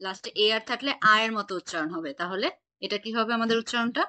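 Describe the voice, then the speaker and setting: Bright-voiced woman teaching on a call. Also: on the high side, fast talker. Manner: patient, quizzing students on pronunciation. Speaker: German teacher. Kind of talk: online class lesson.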